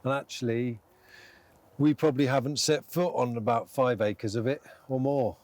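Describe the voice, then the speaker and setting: A man who runs a small farm talks casually about his land. He is relaxed and hesitant and often rambles, in an ordinary mid-pitched voice. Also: normal speed, no room sound. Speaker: small-scale farmer. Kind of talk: casual interview.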